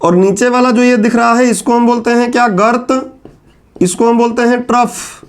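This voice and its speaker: A man's voice: very high-pitched, steady tone, normal speed, smooth. A male teacher giving a classroom lecture, explaining step by step and answering his own questions as he writes on a board.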